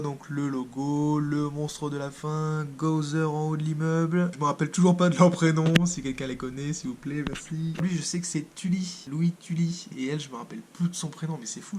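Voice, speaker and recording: A man's voice: on the high side, darkish tone, slight background noise. A man in his twenties from France, an artist chatting casually to viewers in a vlog and joking about himself. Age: 20s. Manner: chatty, joking and self-mocking. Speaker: artist and video host.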